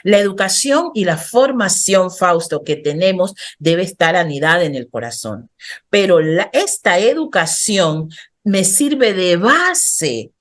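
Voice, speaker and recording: A woman's voice: lowish voice, lively intonation, a little slow. A woman counselor, a guest on a radio talk show, explaining earnestly and instructively to the host, whom she often addresses by name.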